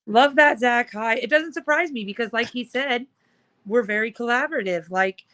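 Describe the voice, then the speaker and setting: A woman's voice: fairly high pitch, moderate pace, a bit bright. A woman talking casually as a guest, upbeat and rambling with lots of fillers. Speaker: guest, supporters' group organizer. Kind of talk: casual chat.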